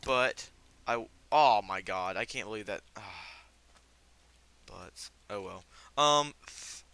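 A man's voice: fairly low pitch, lively intonation, slow pace, gravelly, bright, forceful tone, no room sound. A teenage boy with a fever giving casual, rambling commentary on his game, full of fillers and startled reactions. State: sick with fever. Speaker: gamer.

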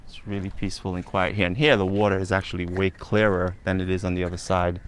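A man vlogging outdoors as he walks, pointing out sights in a relaxed, conversational way. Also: sits low, quick pace, slight background noise. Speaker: travel vlogger. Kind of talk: casual walking tour narration. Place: outdoors on a hot island street.

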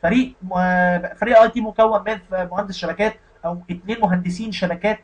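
Egyptian guy explaining IT career stuff super fast, bit husky, keeps asking if you got it. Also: sits high, steady tone, low-quality recording. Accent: Egyptian Arabic. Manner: keeps checking in with the listener. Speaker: IT career instructor. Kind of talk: casual spoken lesson.

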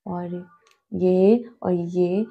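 A woman hosting a casual family vlog from home, talking softly and slowly so she won't wake the sleepers. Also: fairly low pitch, fairly even intonation, gravelly, husky, phone-quality sound. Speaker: family vlogger. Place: home, indoors.

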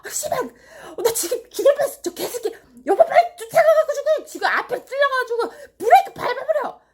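Woman playing a shrill furious passenger wife, very high screech, loud, rapid swearing. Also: expressive. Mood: enraged. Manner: yelling in a rush.

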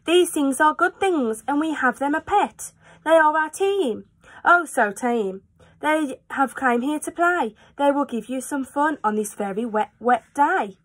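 A woman's voice: sits high, unhurried, voice pushed up, low-quality recording. A woman voicing a playful, self-assured trickster cat from a storybook in a showy manner. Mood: playful, boastful.

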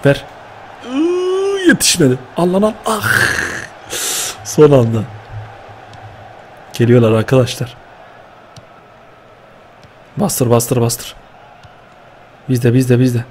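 A young man giving lively, excitable commentary while playing a football video game, cheering and scolding his players with slang. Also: mid-range voice, takes it slowly, pauses often, a little hiss or hum. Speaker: gaming YouTuber.

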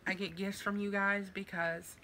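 Opening her mail in the living room for a casual vlog, this middle-aged woman speaks at a normal speed and a medium pitch that barely moves. A sinus infection is taking her voice, yet she still pours out warm, filler-laden thanks against slight background noise.

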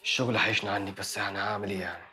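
An actor with an Egyptian accent playing an evasive young man who makes smooth excuses to his girlfriend. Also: on the low side, steady tone, pushed and bright. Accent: Egyptian Arabic. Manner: smooth, fast excuse-making. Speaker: actor in a TV drama series. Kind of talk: TV drama acting.

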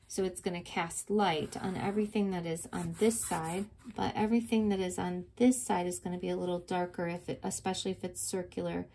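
Speaking in a lowish, darkish voice, a middle-aged art teacher leads children through a drawing one step at a time. She stays patient and encouraging, captured by the camera mic at her desk.

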